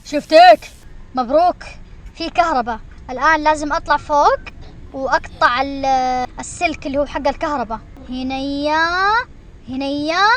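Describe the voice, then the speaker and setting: A woman streamer giving excited commentary while she plays a game, shrieking when she is chased. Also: sits high, normal speed. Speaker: gaming streamer.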